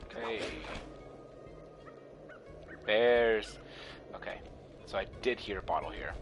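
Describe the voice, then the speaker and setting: A man's voice: lowish voice, animated, takes it slowly, lo-fi sound. A man casually commenting to himself while playing a video game, swearing now and then. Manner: muttering to himself, swearing at times. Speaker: gameplay streamer. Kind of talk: casual let's play commentary. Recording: loud game music behind.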